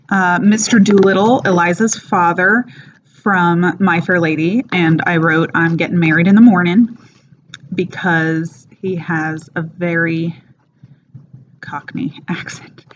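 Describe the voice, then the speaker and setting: A woman with a lowish voice talks through a casual lecture at a slow, deliberate pace, pausing on fillers as she explains. The recording is dull and lo-fi, with a faint hiss of noise underneath. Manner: explanatory, unhurried, with frequent fillers. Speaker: English teacher presenting an accent lecture.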